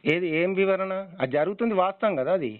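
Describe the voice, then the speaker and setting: A man's voice: high-pitched, expressive, rapid-fire, dry recording. A man, a journalist defending himself insistently in an argument heard over a phone line. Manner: defensive, insistent, repeats short replies. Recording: tinny dry phone call recording.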